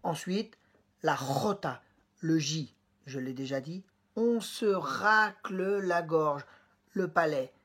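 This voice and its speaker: A husky-voiced woman teaches pronunciation at an unhurried, deliberate pace. She speaks directly to her student, explaining each sound patiently and slowly repeating it for them to hear. Her voice sits slightly low. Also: lively intonation, fairly bright tone. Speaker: Spanish teacher. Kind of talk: pronunciation lesson.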